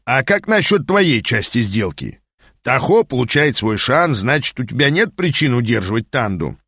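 A man's voice: mid-range voice, very animated, normal speed, fairly bright tone, breathy edge, no room sound, studio quality, full character voice. A man reading an audiobook, voicing a scheming male demon mentor who talks in a sardonic, grumbling way.

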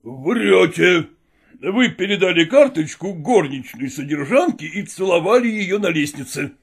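A woman reading a storybook, voicing an enraged old male nobleman who blusters and shouts. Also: lowish voice, lively intonation, measured pace, slightly rough, pitched below the performer's own voice, full character voice. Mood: furious.

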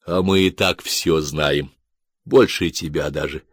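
A man reading a story and voicing a calm, grey-haired older soldier who speaks with steady, dry irony. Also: rumbling low, a little slow, no echo. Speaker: corporal in a war story. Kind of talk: audiobook character voice.

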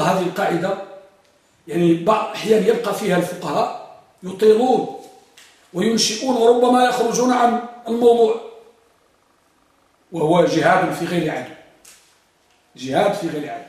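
A man teaches grammar to a class, repeating each rule and checking whether his students follow. His voice sits high for a man. He sounds set back from the mic, in a room with strong echo. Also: quick pace, pauses often, darkish tone. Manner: repeats points and quizzes students. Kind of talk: classroom lecture. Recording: echoey room from far off.

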